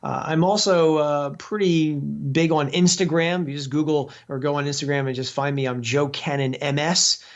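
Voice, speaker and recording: Speaking a little high with fairly even intonation, this man talks at normal speed and pauses little. He is a guest exercise physiologist in a casual interview over a call, explaining at length with plenty of fillers and restarts. The sound is dull and lo-fi.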